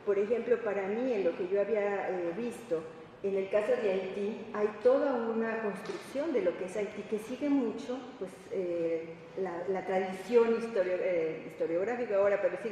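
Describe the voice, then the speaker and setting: A woman's voice: medium pitch, dark tone. Mexican woman lecturing in an echoey hall. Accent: Mexican Spanish. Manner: halting and reflective, with searching pauses and tag questions. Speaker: academic researcher presenting at a panel. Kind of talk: semi-improvised academic conference talk. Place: indoor conference room or hall. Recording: echoey hall, distant mic, faint noise.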